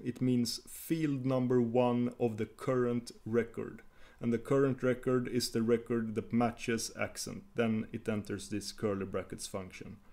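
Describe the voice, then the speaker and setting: A man talks through a coding screencast in a mid-pitched voice, explaining each command as he types. He hesitates often and restarts his phrases, and keyboard clicks come through behind him. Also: creaky, warm tone. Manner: hesitant, many fillers and restarts while typing. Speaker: tutorial host.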